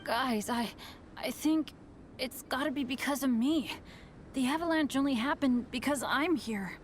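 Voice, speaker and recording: A high-voiced, plucky teen adventurer boy, always cursed with bad luck. He stumbles over his words and puts himself down, with faint ambient sound behind him in the game scene. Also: a little slow, slight background noise. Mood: dejected. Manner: stammers and turns self-deprecating. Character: young teen adventurer boy, cheerful but unlucky. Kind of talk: video game voice acting.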